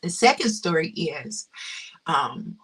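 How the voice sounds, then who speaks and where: Heartfelt woman crafting streamer, breathy, repeats herself, sometimes whispers, recorded from a distance. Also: low voice, animated, takes it slowly, fairly bright tone. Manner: effusive and heartfelt, repeats phrases, drops to a whisper at times. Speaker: crafting livestream host. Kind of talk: casual live-stream chat.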